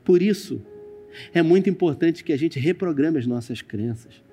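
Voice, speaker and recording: A man preaching in a Brazilian Portuguese accent, his voice sitting a little high yet warm and mellow. He tells a personal story as part of a sermon, addressing the congregation directly with dramatic swings. Soft music plays faintly behind him. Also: lively intonation, normal speed, slightly rough. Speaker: pastor. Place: church stage with screen.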